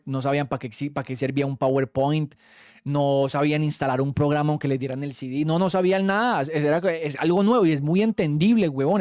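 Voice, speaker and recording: A man's voice: fairly high pitch, darkish tone, no room sound, studio quality. A young Colombian man with a Colombian Spanish accent, telling a story in a casual, slangy way and swearing freely as a streamer.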